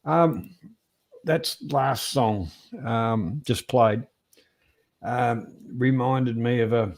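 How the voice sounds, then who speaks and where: A middle-aged Australian man hosts in a loose, chatty style. He rambles through anecdotes in plain blokey slang, sounding like a casual trivia host at an average male pitch. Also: drawn-out words, vocal fry.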